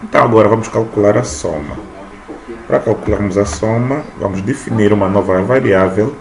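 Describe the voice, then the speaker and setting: Crowd noise and a noisy room surround this screen-recorded coding lesson. The teacher, a man in his thirties with a lowish voice, talks a little fast while typing code, often checking in with "tá?".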